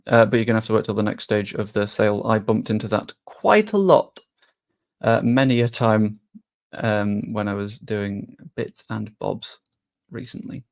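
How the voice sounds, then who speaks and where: A young man from England with a medium-pitched, slightly gravelly voice chats casually on a live stream, reading and answering viewer questions. He's relaxed and easygoing, full of fillers and British slang.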